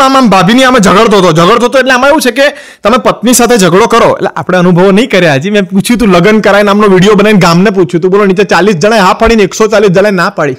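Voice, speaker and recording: A man's voice: high voice, a bit bright. A man with a Gujarati accent from Ahmedabad, telling jokes as a stand-up comedian and acting out the quoted wives and husbands in raised voices. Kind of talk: Gujarati joke telling to camera.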